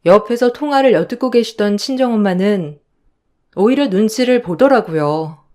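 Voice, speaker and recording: A woman's voice: medium pitch, a little mellow. A young woman reading a dramatized family story, voicing herself with indignant, emphatic retorts.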